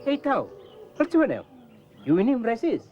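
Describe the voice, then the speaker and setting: A bossy, bantering youngster played by an actor in an acted story, speaking Papua New Guinea pidgin with a Papua New Guinean accent. The delivery swings widely in pitch. The sound is dull and lo-fi, with music clearly behind it. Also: wildly swooping pitch, a little slow. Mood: teasing. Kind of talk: acted Tok Pisin dialogue.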